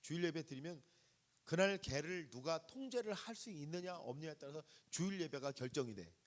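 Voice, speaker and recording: A man's voice: fairly high pitch, animated, brisk. A middle-aged man preaching a sermon, telling a story and asking the congregation questions, acting out the voices of the people in it. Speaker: guest pastor preaching at a revival service.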